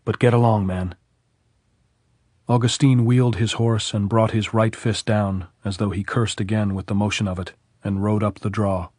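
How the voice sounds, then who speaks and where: Husky low-voiced male narrator. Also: level tone, normal speed, hardly any pauses, a little mellow, no room sound, clean studio sound. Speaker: audiobook narrator. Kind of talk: scripted narration.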